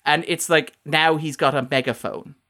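A man co-hosting a podcast, talking through a film's themes in a long, animated, fast-flowing analysis. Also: on the high side. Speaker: podcast co-host. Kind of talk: casual film discussion.

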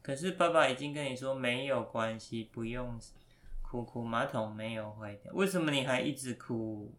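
A father telling a story to his young child, asking gentle, patient questions along the way. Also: mid-range voice, normal speed.

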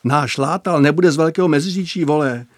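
A man voicing rough young senior conscripts who trade crude, swearing banter. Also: fairly high pitch, no echo, clean studio sound, natural voice. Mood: gruff.

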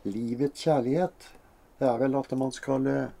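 A woman's voice: a bass voice, fairly even intonation, gravelly, warm tone. A woman hosting a podcast, reading listener questions and musing hesitantly, often murmuring agreement. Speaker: podcast host who reads listener questions. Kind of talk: casual podcast chat.

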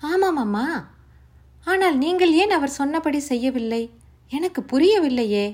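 A woman's voice: sits high, lively intonation, a little slow, a little mellow, voice pushed up. A woman voicing a curious, eager young woman who presses with pleading questions in a storybook reading. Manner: pleading, wide-eyed questions.

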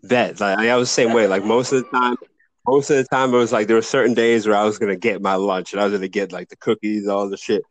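A man's voice: fairly low pitch, fairly even intonation, quick pace, no echo. A man hosting a podcast over a call, chatting loosely with lots of swearing. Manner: loose, profane storytelling. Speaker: podcast host. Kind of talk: casual chat.

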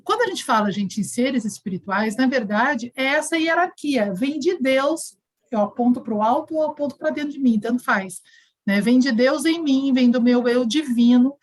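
A woman's voice: high voice, moderate pace, poor audio. A woman giving a spiritual talk to a group over a video call, explaining step by step and checking in with her listeners. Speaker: spiritual teacher leading an online session.

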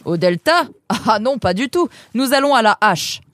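A fox boatman from a children's storybook, as a woman puts him on, a grown male, brisk and teasing. He talks loudly, as if calling over rushing water, and explains things with a knowing air. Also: a little high, expressive, no room sound, voice pushed up.

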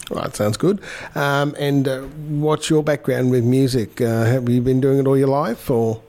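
A man hosting a casual radio interview, with hesitant, halting phrasing. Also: medium pitch, level tone, a little mellow. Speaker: radio host.

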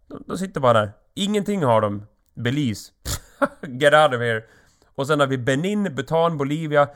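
A man's voice: mid-range voice, a bit bright. A man hosting a solo comedic podcast, rambling in an offhand way and joking crudely. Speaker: podcast host.

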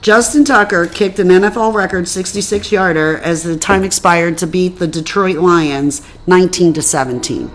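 A woman's voice: lowish voice, moderate pace, few pauses. A woman co-hosting a podcast in casual chat, chatty and self-mocking. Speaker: podcast co-host.

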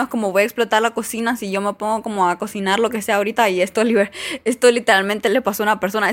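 A young woman, reading out viewer stories and reacting in a chatty, expressive way. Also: mid-range voice. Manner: chatty and expressive, lots of fillers and exclamations. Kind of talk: casual chat.

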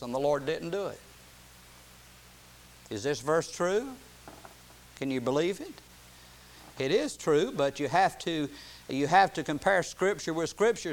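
A man preaching a sermon to his congregation, swinging from loud, emphatic peaks to low conversational asides, and joking with the listeners now and then. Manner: chuckles and jokes with the congregation. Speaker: pastor.

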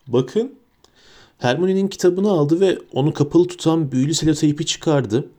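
A man narrating a storybook in a steady, descriptive reading. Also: medium pitch. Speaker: audiobook narrator.

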